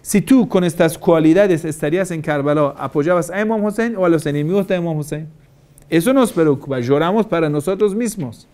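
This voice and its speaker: Man, cleric, religious lecture, rhetorical questions, repeats phrases for emphasis, fairly high voice. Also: a little fast, dark tone. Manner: asks many rhetorical questions. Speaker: Shia cleric.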